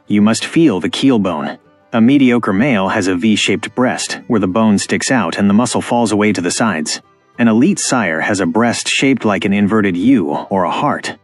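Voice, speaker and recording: A farming channel narrator, a man, delivers an emphatic, instructive scripted voice-over on farm breeding. His voice is lowish and husky, recorded dry and close with faint music beneath.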